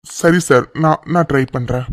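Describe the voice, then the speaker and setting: A man voicing a calm middle-aged lawyer in a cartoon, speaking in a measured, apologetic way. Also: medium pitch, no room sound, studio quality, voice pushed down, natural voice. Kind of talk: cartoon voice acting.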